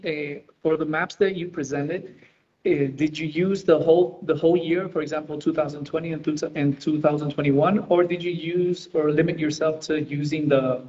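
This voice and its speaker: A man's voice: a little high, a little mellow. A man from Ecuador, asking a question in a webinar hesitantly, with frequent restarts. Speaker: audience member asking a question. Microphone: video call. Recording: echoey room, tinny phone-like line from far off.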